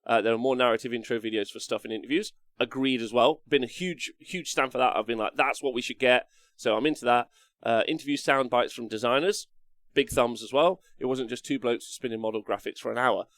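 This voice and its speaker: A man hosting a casual livestream, rambling as he reads out and answers chat messages in an animated way. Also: medium pitch, brisk, dry recording, clean studio sound. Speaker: streamer host reading and answering live chat. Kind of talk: casual livestream chat about tabletop wargaming.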